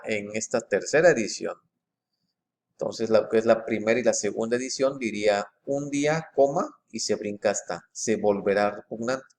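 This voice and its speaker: A man with a gravelly voice talks through a text comparison in an informal, explanatory way. His pitch sits in a plain middle register. He reads short passages aloud and stops often to restart his phrases. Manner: methodical and halting, with frequent fillers and restarts. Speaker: presenter comparing book editions.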